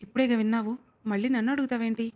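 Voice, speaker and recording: A cold, arrogant young doctor, as a woman reads him, curt and sarcastic, with no effort to sound deep. The voice stays high-ish and level in pitch. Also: fairly even intonation, rapid-fire, a little mellow, natural voice.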